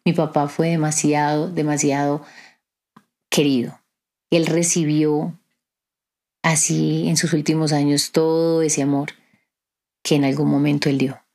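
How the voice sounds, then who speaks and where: A woman's voice: sits low, flat delivery, unhurried, long pauses, mellow. A woman, hosting a reflective podcast monologue and asking her listeners rhetorical questions. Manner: conversational, preachy, asks listeners rhetorical questions. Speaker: podcast host.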